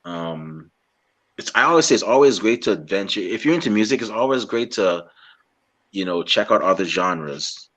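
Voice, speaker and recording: Deep-voiced man, halting casual talk. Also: expressive, fairly bright tone. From Guyana. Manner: rambling, halting with many restarts. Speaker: interviewer. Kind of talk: casual interview chat.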